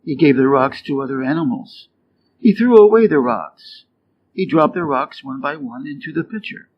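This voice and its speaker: This Wisconsin-born English teacher, an American man with a Midwestern accent, has a fairly high, lively voice as he slowly reads scripted fables and quiz questions for learners. He is clear and deliberate, with rising intonation on the answer options; the audio is dull and lo-fi, carrying faint noise.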